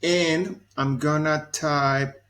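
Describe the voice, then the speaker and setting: Chatty man with a soft Venezuelan accent. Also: on the high side, fairly even intonation, extremely slow. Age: 40s. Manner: chatty, laughs easily, thinks aloud while clicking. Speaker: YouTube tutorial host. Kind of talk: casual screen-recorded tutorial.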